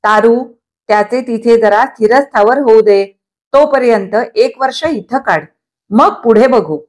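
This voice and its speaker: A woman voicing a gentle, thoughtful elderly grandfather in a read-aloud novel. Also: on the high side, measured pace, lightly acted.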